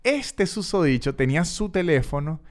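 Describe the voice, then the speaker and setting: A man's voice: on the high side, lively intonation, normal speed. A young Venezuelan man hosting a podcast, telling a story casually, acting out the voices and repeating words for comic effect. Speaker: podcast host.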